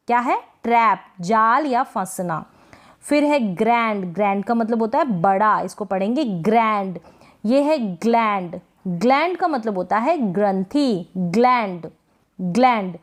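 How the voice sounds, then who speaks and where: A woman teaching English pronunciation, slowly repeating words and quizzing the listener. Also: a little high. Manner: slow drilled word repetition with quiz questions. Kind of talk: spoken-word pronunciation lesson.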